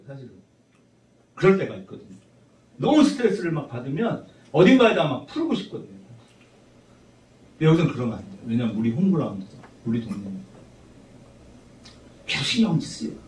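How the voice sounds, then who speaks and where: Middle-aged pastor preaching, high lively voice, echoey church, mic kinda far. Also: male voice. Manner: animated, conversational, teasing the congregation. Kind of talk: sermon. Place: church sanctuary. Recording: roomy church sound from a distant mic.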